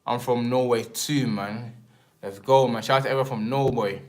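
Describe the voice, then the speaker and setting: Speaking at a moderate pace in a steady, mid-range voice, this young man from England chats loosely on a live stream. He leans on slang and keeps repeating fillers such as "man" and "and that."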